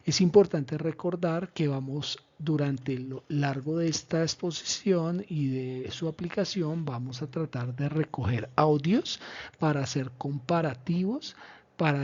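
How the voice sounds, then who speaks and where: Hombre de voz apagada y ronca. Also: male voice, on the high side, darkish tone, slightly rough. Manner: measured, explanatory, with pauses and fillers. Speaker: teacher presenting a lesson plan. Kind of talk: slide presentation. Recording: dull lo-fi recording.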